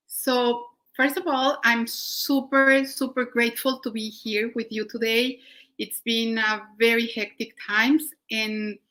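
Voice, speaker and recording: Woman, Mexican accent, higher register; warm, eager baking-demo instructor who restarts often. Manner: warm, enthusiastic, with frequent restarts. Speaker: cooking demonstrator. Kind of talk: live online baking demonstration.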